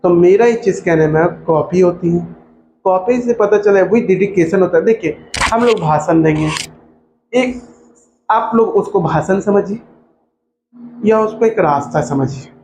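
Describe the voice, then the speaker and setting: A male coaching teacher, talking to a class in a joking, lively way and mimicking students. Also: high-pitched, measured pace, long pauses. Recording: echoey classroom with faint noise.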